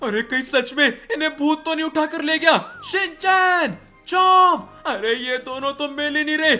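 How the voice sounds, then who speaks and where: A man voicing a tired, grumpy older brother in a game role-play dub, gruff and dismissive. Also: very high voice, a little fast, faint music behind. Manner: gruff and dismissive, calling out loudly. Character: tired grumpy big brother, later worried.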